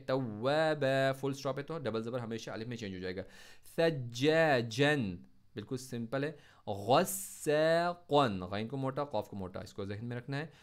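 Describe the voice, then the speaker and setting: A man teaching tajweed in Urdu, reciting words slowly with stress and explaining each letter in quicker, lower asides. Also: clear, resonant tone.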